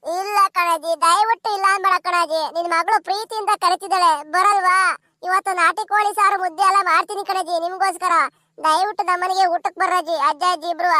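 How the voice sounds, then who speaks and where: A woman playing a shrill, fast-talking village wife in a cartoon, pleading and bossy by turns. Her very high, bright voice races along in a sing-song rural manner. The sound is dry and close. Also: steady tone, dry recording. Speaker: narrator voicing village women.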